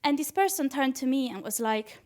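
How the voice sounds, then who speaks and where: Performing stand-up on a club stage, this Italian PhD student talks a little fast in a high-sitting, slightly mellow voice with lively intonation. The young woman, Italian-accented, is nervous and chatty and laughs at her own jokes.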